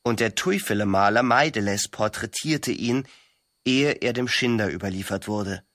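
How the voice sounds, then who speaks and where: A man reading a surreal literary text aloud as narrator, in a measured, solemn storytelling manner. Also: on the low side, a bit bright, no echo, studio quality.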